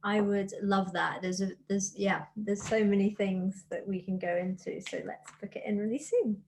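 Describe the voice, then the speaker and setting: A woman's voice: medium pitch, steady tone, normal speed, vocal fry, a little mellow, a little hiss or hum. A woman, founder of a drinks brand, chatting as a guest on a podcast with enthusiasm. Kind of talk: casual podcast chat.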